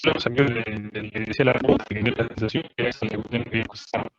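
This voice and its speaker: Muffled choppy student over a lo-fi call. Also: male voice, medium pitch, fairly even intonation, rapid-fire. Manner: hesitant, restarts his phrases. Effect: choppy, muffled internet call audio like a drive-thru speaker. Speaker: student asking a question. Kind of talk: online class discussion. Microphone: computer mic on a video call. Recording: lo-fi, breaking-up internet call.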